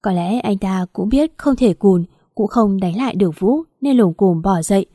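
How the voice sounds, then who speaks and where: A woman reads a first-person story aloud in an even, storytelling manner. Her voice is mellow and warm. The recording is dry and close. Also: mid-range voice, moderate pace, no echo. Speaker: narrator.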